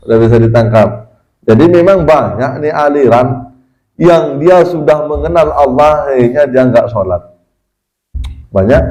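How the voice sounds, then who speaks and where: A man giving a casual religious study lecture as a teacher, talking conversationally and breaking into sudden high, emphatic bursts. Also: mellow, rough recording.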